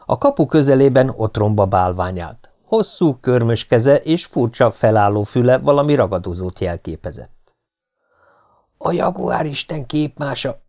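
A man narrating an adventure novel in the first person as an audiobook, in a steady, measured reading. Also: mid-range voice.

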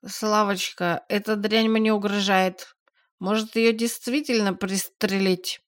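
A woman's voice: medium pitch, fairly even intonation, slow pace, close to an everyday voice. A woman voicing a drunk, smug middle-aged man who holds an official post, in an audiobook. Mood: drawling. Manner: slurred, drawling.

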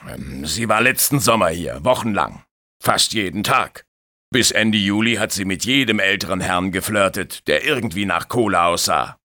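A man's voice: low-pitched, expressive, normal speed, pushed and bright. A man voicing an older male lifeguard who speaks coolly and matter-of-factly. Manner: cool, matter-of-fact.

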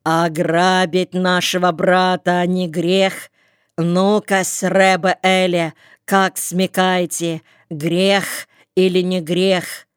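A woman voicing an angry husky-voiced man. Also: level tone, slow, no room sound, studio quality. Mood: angry shouting. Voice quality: husky bass. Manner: shouting accusations.

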